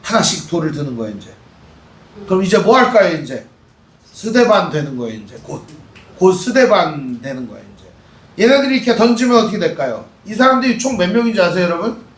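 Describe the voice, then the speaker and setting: A high-voiced male pastor delivers an animated sermon in an echoey church sanctuary, acting out quoted voices and asking the congregation questions. He speaks briskly, and the distant mic picks up the hall's echo and a little hiss or hum.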